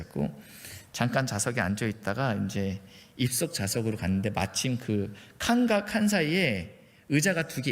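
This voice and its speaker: A male pastor from Jeolla telling a chatty, self-deprecating story in a church sermon. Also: fairly low pitch. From Jeolla, South Korea. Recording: echoey church hall.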